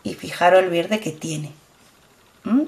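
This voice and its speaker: A woman's voice: fairly low pitch, unhurried, a little mellow. A middle-aged woman with a Spanish accent from Spain, chatting casually as she shows her products on camera and repeating herself as she urges viewers to look closely. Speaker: beauty vlogger.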